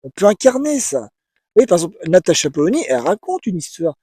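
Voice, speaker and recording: A man's voice: high-pitched, big pitch swings, fast talker, dark tone, slightly rough, no room sound. A man giving casual spoken commentary, hesitant, with many repeated words and restarts, often checking in with his listeners. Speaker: video essayist.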